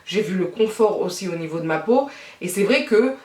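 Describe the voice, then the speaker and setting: A woman's voice: medium pitch, animated, brisk, darkish tone, far from the mic. A woman chatting casually as a beauty vlogger at home, with a self-mocking, easygoing way of talking. Her voice sits in the middle range and sounds a little back from the mic. The room around her is echoey. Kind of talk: casual chat to camera. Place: at home, child nearby.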